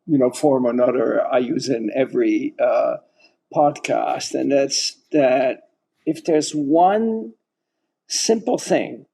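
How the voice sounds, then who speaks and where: Mellow husky male podcast host. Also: mid-range voice, fairly even intonation, a little slow. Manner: hesitant, restarts mid-sentence. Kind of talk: podcast interview and closing.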